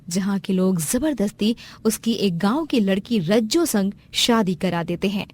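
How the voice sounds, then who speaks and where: A woman narrating a cartoon storybook. She tells the story in a steady, explanatory way. Her voice is mid-pitched and even.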